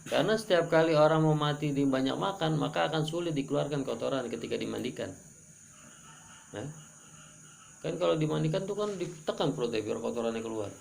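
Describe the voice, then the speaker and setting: Animated gravelly male preacher. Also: fairly quick, a little hiss or hum. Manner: animated, joking, pitch jumps for emphasis. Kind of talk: religious study sermon.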